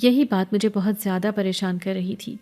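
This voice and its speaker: A woman narrating a first-person horror story in a steady, sorrowful storytelling manner. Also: mid-range voice.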